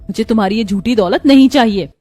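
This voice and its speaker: A woman's voice: on the high side, normal speed, darkish tone, faint music behind, lightly acted. A woman voicing a proud, poor young bride who speaks firmly and indignantly. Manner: indignant, firm.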